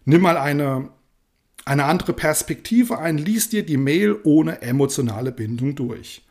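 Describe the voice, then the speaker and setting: A man with a slightly high voice hosts a motivational podcast. He talks directly and informally to the listener. He tells a slow, deliberate parable before giving tips. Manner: calm, deliberate storytelling with slowed phrases. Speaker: life coach and podcast host.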